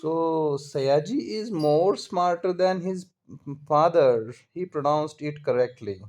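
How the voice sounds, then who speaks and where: A father with an Indian Marathi accent, chatting casually at home in a hesitant, halting, questioning way. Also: on the high side, a little mellow.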